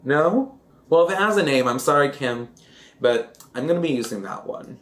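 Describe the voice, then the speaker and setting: A man's voice: a little high, lively intonation, normal speed, a bit bright. A man chatting in a campy, dramatic way while recapping an old film and doing his makeup, with giggly asides. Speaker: vlogger.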